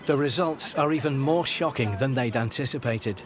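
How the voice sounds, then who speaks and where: A man giving wry, measured scripted documentary narration. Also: medium pitch. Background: music.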